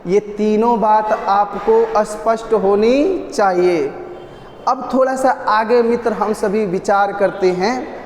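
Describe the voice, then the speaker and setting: High-voiced teacher, echoey room. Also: male voice, takes it slowly, a little hiss or hum. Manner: repetitive, drills terms, chants Sanskrit lines. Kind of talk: exam-prep lesson. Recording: echoey roomy reverb.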